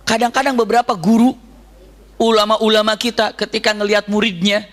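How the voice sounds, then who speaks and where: A man preaching a storytelling sermon in an animated way, often putting questions to his listeners. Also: high-pitched, brisk. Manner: animated, asks the audience questions.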